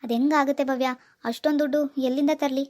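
A woman's voice: high voice, fairly even intonation, fast, a little mellow, lightly acted. A woman voicing a poor, lovesick young village man in a cartoon, pleading with his girlfriend. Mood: hurt. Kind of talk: cartoon dialogue voice acting.

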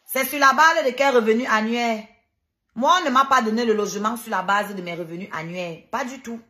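A woman's voice: fairly high pitch, fairly quick, sharp tone. Combative, mocking woman ranting on a livestream. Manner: emphatic repetition. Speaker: online live streamer. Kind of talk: heated livestream rant.

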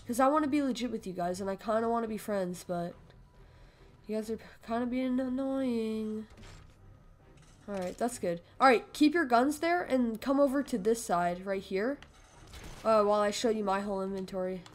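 A woman gaming YouTuber in voice chat, teasing other players and bursting into shrill yelling. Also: normal speed. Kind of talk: gaming voice chat with live commentary.

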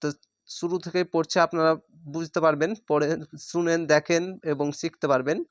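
Bangladeshi guy teaching quran letter by letter, highish clean voice, dry close sound. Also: level tone, clean tone, dry recording. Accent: Bangladeshi Bengali. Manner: slow syllable-by-syllable spelling, drawn-out vowels. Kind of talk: spelling-out recitation lesson.

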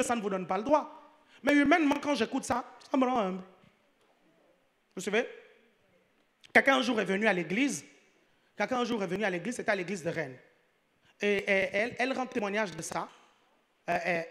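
A man's voice: high-pitched, expressive, fairly quick, long pauses, a bit bright. A man preaching a sermon in church, joking a lot and often asking the congregation whether they follow him. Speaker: pastor.

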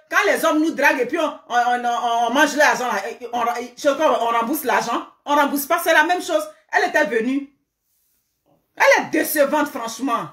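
A woman's voice: sits high, fairly bright tone, echoey room. A woman giving live social media commentary, scolding emphatically, repeating words and firing off rhetorical questions. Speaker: online commentator.

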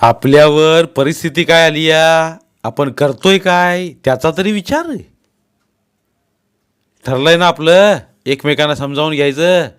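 A male narrator playing an older father who scolds and lectures the family in a loud, commanding voice. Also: fairly high pitch, clear, resonant tone, voice pushed up, lightly acted.

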